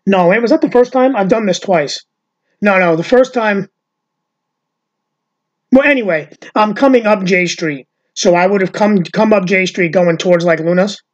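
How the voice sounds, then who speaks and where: This podcast host, a woman with a mid-range voice and moderate pace, drifts between stories in an off-the-cuff chat with her sister. "Like" comes up constantly, swears slip in casually, and the recording has a flat, lo-fi quality.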